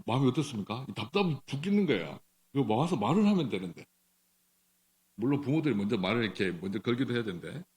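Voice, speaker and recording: A man's voice: medium pitch, expressive, darkish tone. Middle-aged pastor guy preaching in church, chatty, stops and restarts a lot, keeps asking the congregation stuff. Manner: conversational preaching, asks the congregation questions; halting speech with restarts. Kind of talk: sermon. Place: church sanctuary.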